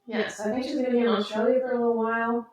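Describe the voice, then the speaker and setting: A woman's voice: on the high side, little pitch movement, racing, distant mic. Giggly woman in an echoey room. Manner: giggly, trails off into quiet asides. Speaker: podcast co-host. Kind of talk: casual chat. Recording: echoey room, a bit off-mic.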